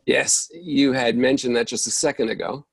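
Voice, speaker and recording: In a staged readers theatre play, a man reads the part of an impatient character who loses his temper easily and needs his coffee. His mid-range voice is creaky and slightly rough, and the bickering scene has him sounding exasperated and quick to snap.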